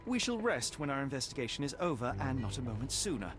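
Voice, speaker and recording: A driven young detective with a British accent, voiced by a man in a video game, formal and lofty in his clipped phrasing. Game music plays loudly behind him. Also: mid-range voice, very animated, fast, close to an everyday voice. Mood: stern resolve. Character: brooding young male detective, driven and aloof. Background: loud game music.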